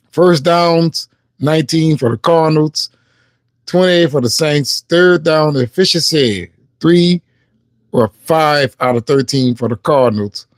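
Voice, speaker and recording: A man's voice: medium pitch, no echo. A man hosting a casual sports live stream. He reads game stats aloud and chats with viewers. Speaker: sports livestream host.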